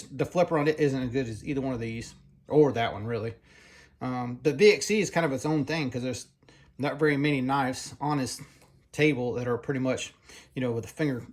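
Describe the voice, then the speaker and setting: Southern guy rambling on camera, laid back, lots of uh and like, mid-pitched voice. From Southern United States. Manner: rambling, loose, lots of fillers and restarts. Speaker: knife collector vlogger. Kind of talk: casual chat.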